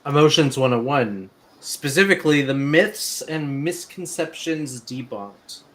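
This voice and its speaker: A man hosting a casual livestream chat over a video call, with a dry, self-mocking, low-key way of talking. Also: a little slow, fairly bright tone. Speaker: livestream host.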